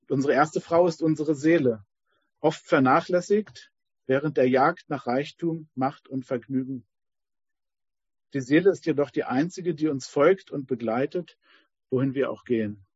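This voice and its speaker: A man's voice: mid-range voice, moderate pace, breathy edge, dry recording. A man leading a course who tells a parable in a hesitant way, with many fillers, on a dull, dry lo-fi recording. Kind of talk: spoken talk with a told parable.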